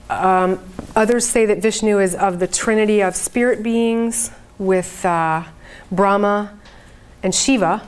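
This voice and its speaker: Female speaker, mid pitch, conversational and earnest, presenting to a small group as a spiritual channeler. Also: smooth. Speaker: trance channeler leading a group event. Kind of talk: informal spoken talk to an audience.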